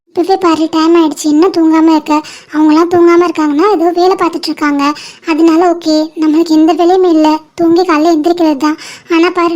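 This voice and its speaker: A woman's voice: very high voice, darkish tone. A woman voicing a young female best friend in a cartoon, who reassures her friend in a firm, coaxing way. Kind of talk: animated cartoon voice acting.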